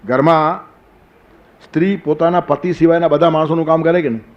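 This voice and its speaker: A man's voice: a little high, steady tone, fairly quick. Older man preaching on a dull recording. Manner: storytelling with rhetorical questions and quoted verses. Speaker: spiritual teacher. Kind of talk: Gita discourse sermon.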